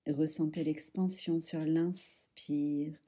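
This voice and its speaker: Speaking slowly and with fairly even intonation, a woman guides yoga nidra in a breathy, soft, lowish voice. Her calming instructions are brief, separated by lengthy pauses.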